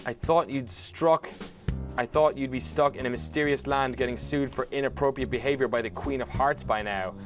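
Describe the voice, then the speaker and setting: A man's voice: mid-range voice, moderate pace, music in the background, close to an everyday voice. A man voicing a flamboyant male pigeon hero with a put-on French accent, speaking theatrically. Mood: dashing. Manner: theatrical, dashing.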